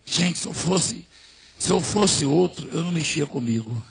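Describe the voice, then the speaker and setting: A middle-aged man with a Brazilian Portuguese accent preaching a sermon with personal anecdotes, asking the congregation questions and swinging between hushed asides and shouting. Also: on the high side, animated, a little slow, creaky, breathy edge. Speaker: pastor.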